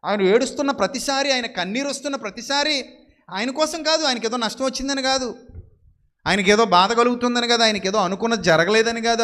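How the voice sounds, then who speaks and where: A man with a notably high voice delivers a sermon as a preacher. He keeps asking his listeners rhetorical questions. He drags out key scripture phrases slowly for emphasis. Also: fairly bright tone. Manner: slows down sharply to stress scripture phrases.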